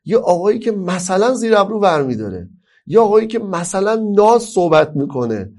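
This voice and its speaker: Speaking on family life, a man from Iran delivers an emphatic lecture in which he asks rhetorical questions and supplies the answers. Important phrases are drawn out slowly, then he accelerates; his voice is high with a darkish tone.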